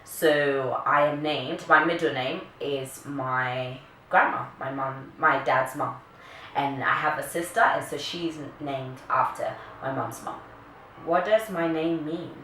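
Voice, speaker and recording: A Kenyan woman, later living in the UK and in her early thirties, vlogs to camera in a casual, playful way. She speaks slowly, her low-pitched voice pushed and bright. The audio is echoey, faintly noisy and captured from a distance.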